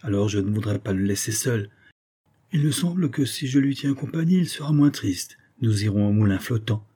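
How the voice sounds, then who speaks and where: A man's voice: fairly low pitch, lively intonation, normal speed, mellow, slightly rough. A man doing a chatty, good-hearted fellow. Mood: cheerful. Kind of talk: audiobook character voice.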